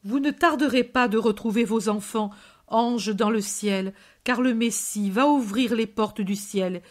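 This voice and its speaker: A woman's voice: fairly high pitch, unhurried, lightly acted. Compassionate male preacher, solemn and exhorting, read by a woman.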